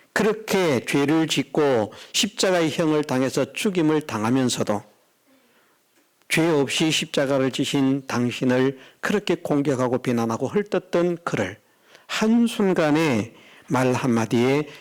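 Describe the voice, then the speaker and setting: An animated male pastor delivering a sermon, his pitch sitting a little high and swinging widely. He acts out quoted voices as he preaches. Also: a little slow.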